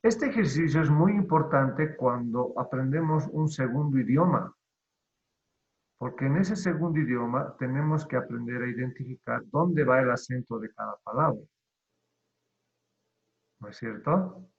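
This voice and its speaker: A male teacher walks his online class through each point at an unhurried pace. His phrases drop away quietly at the ends, and the call audio sounds dull and muffled. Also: medium pitch, creaky. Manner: patient, explains step by step, trails off at phrase ends.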